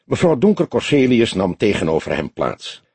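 A husky man with a low voice reading a detective story aloud, his pitch moving a lot. Dry, close sound with no room in it. Calm, measured storytelling. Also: dry recording. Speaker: audiobook narrator. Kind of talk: scripted narration.

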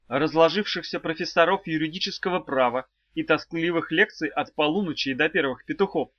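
A man's voice: on the high side, no echo, muffled recording, lightly acted. Man reading an eager teenage apprentice. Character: cheeky teenage boy apprentice.

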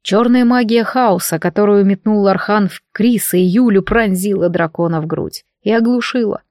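A woman reading a fantasy novel aloud in steady storytelling narration. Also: mid-range voice, dry recording, studio quality. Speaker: audiobook narrator.

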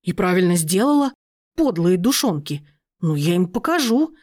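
Woman doing a bossy, shrill middle-aged aunt. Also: big pitch swings, moderate pace, a little mellow. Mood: indignant. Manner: indignant, shrill outbursts.

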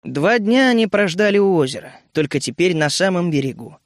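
Guy reading a story aloud, kinda high voice, even and steady, dry room. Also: fairly quick, no room sound. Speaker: audiobook reader. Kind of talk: scripted narration.

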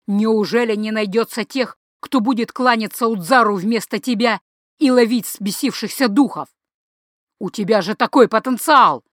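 A woman reading an audiobook voices an angry, domineering noble father who scolds his son loudly. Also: fairly low pitch, husky, no echo, clean studio sound. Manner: shouting, scolding harshly.

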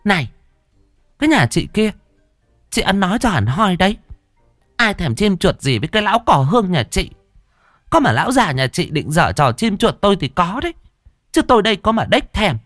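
A woman voicing a feisty young village woman with brusque, sharp retorts. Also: mid-range voice, sing-song, normal speed, pauses often, dry recording, studio quality, faint music behind. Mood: scornful.

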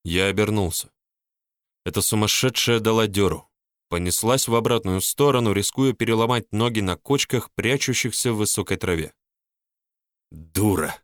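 A man reading a first-person story as an audiobook narrator, calm and steady. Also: lowish voice, moderate pace, smooth, no echo, studio quality.

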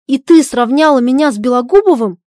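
A woman reads out a young idealist husband, torn between honor and his wife's wishes. He pleads and breaks into loud, anguished shouts. The voice sits fairly high, in a dry, close recording. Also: expressive, a little fast, dry recording. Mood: pleading, indignant. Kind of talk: dramatic reading of a stage play.

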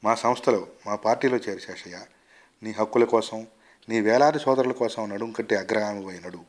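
A man's voice: on the low side, fairly quick, close to an everyday voice. A man voicing a fiery young political agitator who exhorts his listener with rousing speech. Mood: urgent.

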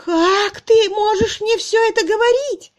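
A desperate older spinster pleads in a shrill, tearful voice, as a woman reads her in an audiobook. Her voice climbs high and thin, strained with crying. It is a plain studio reading with nothing behind it. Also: very animated, a little slow. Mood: tearful, pleading.

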